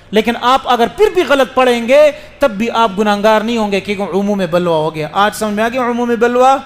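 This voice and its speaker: A man's voice: high voice, in a large hall. A man giving a religious lecture as a mufti, questioning his listeners and explaining rules patiently. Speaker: mufti preacher.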